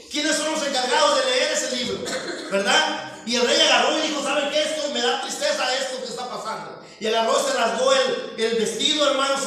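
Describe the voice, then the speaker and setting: High bright Mexican pastor in echoey church. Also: male voice, distant mic. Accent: Mexican Spanish. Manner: preaching with rhetorical questions, calling listeners brothers. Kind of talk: sermon. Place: church hall.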